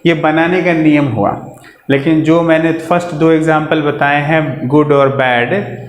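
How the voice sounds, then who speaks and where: Male grammar teacher, slightly high voice, patient step-by-step explainer who quizzes the class, recorded in a roomy space. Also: fairly even intonation, a little slow, a little hiss or hum.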